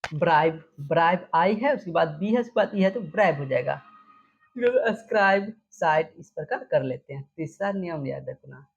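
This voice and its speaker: A woman's voice: low voice, moderate pace, gravelly, husky. A woman teaching English spelling rules, who repeats each example word and asks the class questions before answering them herself. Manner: repeats words and quizzes with questions. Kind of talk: explaining rules to students. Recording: dull lo-fi recording.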